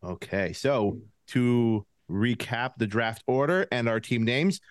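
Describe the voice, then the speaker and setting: Male podcast host, lisp, easy laugh, mid-pitched, dry close sound. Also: slow pace, no room sound. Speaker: podcast host running a game draft. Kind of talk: casual podcast chat.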